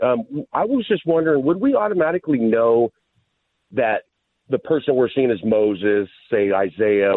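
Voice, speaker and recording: A male caller on the phone, asking a rambling question politely and restarting as he goes. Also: mid-range voice. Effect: over the phone. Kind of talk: call-in question. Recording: tinny phone line.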